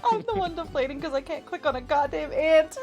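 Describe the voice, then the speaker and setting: A boisterous woman chatting casually with friends as she hosts a live game stream, quick to shriek and giggle. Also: sits high, lively intonation, darkish tone. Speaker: streamer hosting a group game playthrough. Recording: music playing behind the voice.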